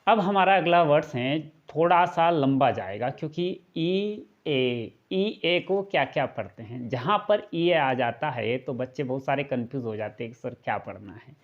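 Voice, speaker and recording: A man's voice: medium pitch, lively intonation, normal speed, hardly any pauses, highs cut off. A man teaching English pronunciation step by step in a video lesson, repeating each point and asking rhetorical questions. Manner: patient, step-by-step explaining. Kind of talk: classroom-style video lesson.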